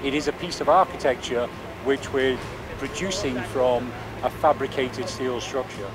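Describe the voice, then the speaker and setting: A man giving a measured, explanatory on-site interview as a project engineer, outdoors at a construction site. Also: mid-range voice. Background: music bed.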